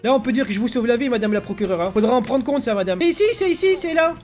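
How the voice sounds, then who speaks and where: A man's voice: extremely high pitch, expressive, rapid-fire, darkish tone, faint music behind. A man playing a cheeky troublemaker in an online role-play game, teasing and repeating himself.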